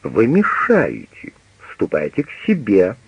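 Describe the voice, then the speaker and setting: A man's voice: lowish voice, huge pitch swings, slow pace, husky, no room sound, exaggerated voice. A man reading as a stern elderly mother who lectures and scolds, her speech swooping up and down in strong reproach. The sound is dull and lo-fi, like an old radio broadcast, and dry with no room around it. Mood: indignant.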